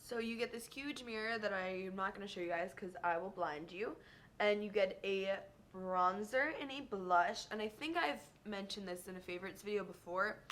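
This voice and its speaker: A young woman chatting excitedly in a casual beauty vlog, gushing over her favorites and calling everything amazing. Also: medium pitch. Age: young adult. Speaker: beauty vlogger.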